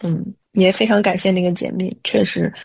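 A woman who leads worship at her church, telling a lively personal faith story in casual conversation and acting out family dialogue. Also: lowish voice, brisk, gravelly, breathy edge.

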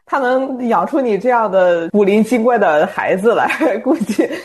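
A woman's voice: medium pitch, expressive, moderate pace, darkish tone. Encouraging woman host, laughing often. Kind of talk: casual faith conversation.

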